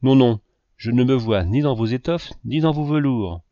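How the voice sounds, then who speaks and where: A man's voice: mid-range voice, expressive, moderate pace, dark tone, no room sound, lightly acted. A man reading as a proud, guarded young wife. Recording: dull lo-fi dry recording.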